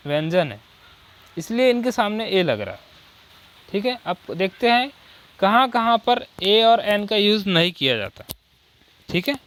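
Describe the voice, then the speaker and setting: A coaching teacher with a high, slightly bright male voice explains English articles in Hindi. Repeated rhetorical questions and "ठीक है" drive his drills, and he reads the English examples slowly.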